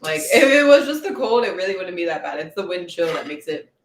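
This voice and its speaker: A man's voice: sits high, sing-song, brisk. A man co-hosting a casual livestream, earnest and talkative, often tagging on "right?". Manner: earnest, keeps adding "right?". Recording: echoey room with faint noise.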